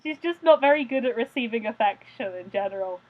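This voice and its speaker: A woman's voice: on the high side, lively intonation, a little fast, phone-quality sound. A woman running a tabletop game as game master, narrating with giggly asides.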